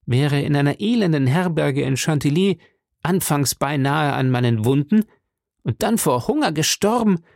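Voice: medium pitch, lively intonation, moderate pace, creaky, darkish tone, dry recording, clean studio sound, voice pushed up. Pompous boastful musketeer, as a reader puts him on. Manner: pompous, self-pitying. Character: vain boastful male musketeer, pompous nobleman. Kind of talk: audiobook character reading.

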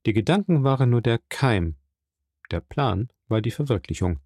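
A man reading a classic novel aloud in slow, measured narration. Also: medium pitch, expressive, a little mellow, dry recording, studio quality. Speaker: audiobook reader.

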